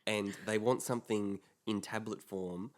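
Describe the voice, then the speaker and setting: A man's voice: fairly low pitch, steady tone, unhurried. A man co-hosting a podcast, casually explaining health topics and sometimes dropping into mock voices. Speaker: podcast co-host.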